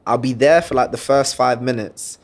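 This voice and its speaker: A man's voice: mid-range voice, normal speed. Young guy hosting a podcast, chill slangy storyteller. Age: 20s. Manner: laid-back slangy storytelling. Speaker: podcast host. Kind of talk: casual chat.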